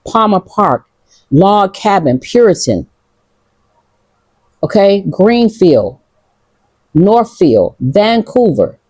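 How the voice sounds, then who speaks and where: A woman from Detroit, United States, speaks casually to camera outdoors in Ghana, bluntly, defiantly and profanely, in a Detroit accent. The voice is lowish and a little mellow, with no room sound.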